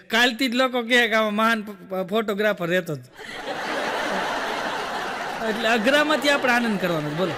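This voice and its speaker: A man doing stand-up comedy, telling jokes rapidly and acting out the dialogue of his characters. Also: sits high, lively intonation, big-room sound, noisy background. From Gujarat, India. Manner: rapid joke telling, acting out quoted dialogue, frequent rhetorical "બોલો". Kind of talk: Gujarati joke telling on stage.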